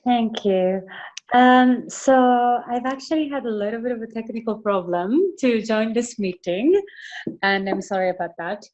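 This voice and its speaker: A woman's voice: fairly high pitch, measured pace, darkish tone, highs cut off. A young woman from Japan who grew up in the Netherlands, a guest speaker on a video call, polite and a little hesitant, with fillers. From Japan, raised in the Netherlands. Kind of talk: online meeting talk.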